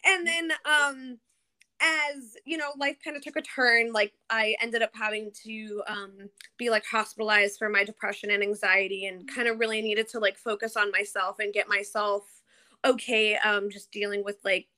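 Speaking at a normal speed with a level, medium-pitched voice and a sharp tone, she's a woman in her early thirties from New Jersey, United States. As a podcast guest she keeps the interview chat casual and rambling, dropping "like" frequently.

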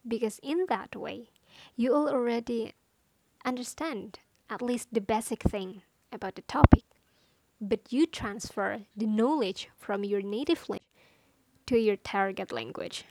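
A content creator who speaks English as a second language gives language-learning advice to listeners in a playful, self-mocking, chatty monologue. Her slightly high, darkish voice is unhurried with frequent pauses; the audio is poor but has no echo.

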